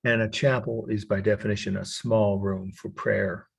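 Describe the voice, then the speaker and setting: A man lecturing on art history to a college class in a low, gravelly voice with a husky edge. He explains step by step, stops to spell out terms letter by letter, and fills his pauses with "uh". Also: level tone. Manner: explanatory, spells words out slowly, frequent uh fillers.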